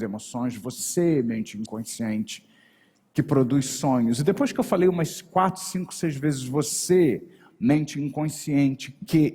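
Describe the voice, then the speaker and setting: A Brazilian man lectures to a live audience from a stage, his voice dark and a little husky. He talks in an animated way and keeps shifting his intonation to address the listeners, and a long hall reverb trails behind each phrase. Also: medium pitch. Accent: Brazilian Portuguese. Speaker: NLP and hypnosis trainer.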